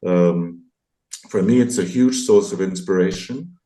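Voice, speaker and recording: A French man in his sixties, partly raised abroad, speaks as an interview guest; he is a graphic novelist and illustrator giving reflective, conversational answers. His voice sits low and warm and moves a little slowly. He comes across as articulate yet thoughtful and hesitant, with a self-deprecating manner.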